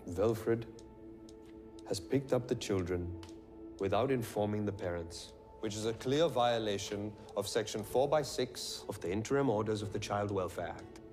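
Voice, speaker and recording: Actor as a defence lawyer, formal, measured, lowish voice, soft score behind. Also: male voice, soft background music, close to an everyday voice. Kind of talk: film drama.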